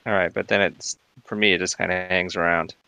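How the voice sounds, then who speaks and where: Deep gravelly man, hesitant player. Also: level tone, fairly quick, sharp tone. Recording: dull lo-fi sound.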